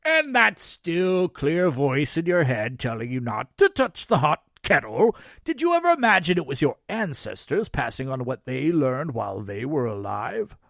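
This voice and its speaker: A man voicing a jolly, foul-mouthed old Santa Claus in a storybook, with a booming, merry, taunting delivery. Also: wildly swooping pitch, a little slow, creaky, few pauses, a bit bright, dry recording, clean studio sound, exaggerated voice. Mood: excited, cryptic. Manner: taunting, cryptic, theatrical.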